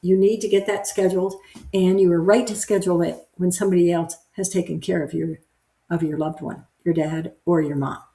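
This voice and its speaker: A woman's voice: lowish voice, fairly even intonation, a little fast, mellow, echoey room. A woman hosting a caregiving advice show, answering viewer questions in a direct, coaching way and repeating her key points.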